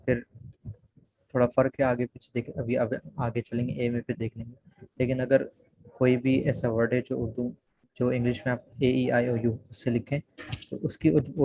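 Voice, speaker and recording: A man's voice: medium pitch, no echo. A man with an Urdu accent teaching a beginner English lesson online, patient and repetitive as he explains sounds and words. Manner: patient, repeats "theek hai" often. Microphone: video call. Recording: dull, dry video call audio.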